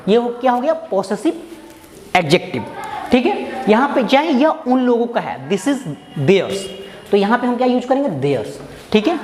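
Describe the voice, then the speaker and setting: Teacher in an echoey, reverberant room. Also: male voice, high-pitched, darkish tone, a little hiss or hum. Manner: asks the viewer questions and then answers them himself; reads example sentences slowly. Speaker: English grammar teacher. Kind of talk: recorded grammar lesson.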